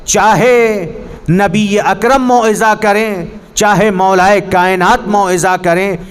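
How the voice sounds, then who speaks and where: A man's voice: high voice, steady tone, smooth. A man teaching a Quran pronunciation class, earnestly correcting his students and demonstrating the Arabic sounds. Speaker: religious teacher. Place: mosque hall.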